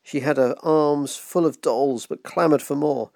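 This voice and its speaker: Man, book club host, reading aloud gently, gravelly voice, dry close sound. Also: medium pitch, fairly even intonation, a little slow, dry recording. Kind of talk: reading a children's novel aloud.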